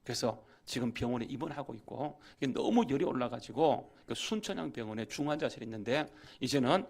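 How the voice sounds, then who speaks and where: A man's voice: medium pitch, brisk, vocal fry. A man preaching a storytelling sermon as a guest pastor in a church, acting out the voices in his story and rising to emphatic exhortation. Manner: animated, acts out dialogue, rising to emphatic preaching. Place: church sanctuary.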